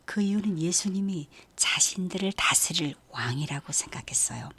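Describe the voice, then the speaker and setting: Female youth preacher, low and husky, gentle story-led sermon with questions to listeners. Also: lively intonation, normal speed.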